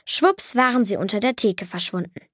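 A woman reading a children's audiobook aloud in an expressive, lively manner. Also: medium pitch, normal speed, no room sound, studio quality. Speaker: audiobook reader.

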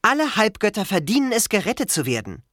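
A reader raising the pitch for a confident teenage girl leader. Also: big pitch swings, quick pace, fairly bright tone, no room sound, studio quality. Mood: firm. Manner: firm, reassuring, takes charge. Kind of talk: audiobook character voice.

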